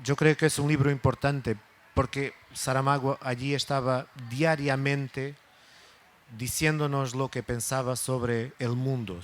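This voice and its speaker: A man, a native Portuguese speaker, talking in Spanish with a Portuguese accent as a guest at a book event, hesitant and searching for words. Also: medium pitch. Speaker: guest speaker, literary foundation director. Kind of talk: talk at a book fair event.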